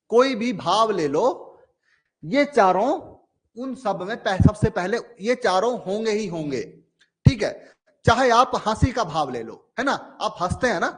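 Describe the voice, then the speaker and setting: High-voiced man teaching a lively class. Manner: explains with everyday examples, keeps asking "ठीक है?"; acts out little inner dialogues in a lowered voice. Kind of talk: online exam-prep lecture.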